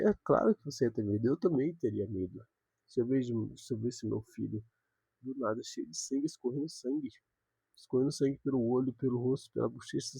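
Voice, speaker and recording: A man's voice: mid-range voice, gravelly, dark tone, husky, no room sound. A young man giving an earnest devotional talk, repeating words for emphasis.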